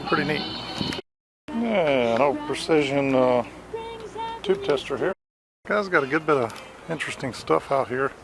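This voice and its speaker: A man vlogging on a camera mic as he walks an outdoor fairground flea market, halting and full of fillers, keen about his finds. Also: on the high side. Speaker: vlogger at a hamfest. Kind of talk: casual walkaround vlog.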